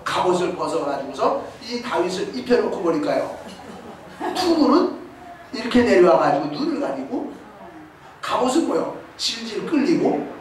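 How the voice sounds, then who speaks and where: A middle-aged man preaching a sermon, telling a story and firing questions at the congregation. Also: sits high. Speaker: pastor. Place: church sanctuary. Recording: echoey hall, distant mic, faint hiss.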